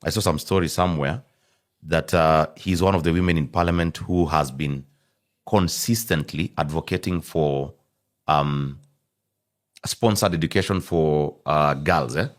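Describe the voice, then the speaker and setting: Deep low kenyan guy, young, chatting on a panel, explains stuff point by point. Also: steady tone, unhurried. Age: young adult. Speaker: panelist rating politicians. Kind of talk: casual panel discussion.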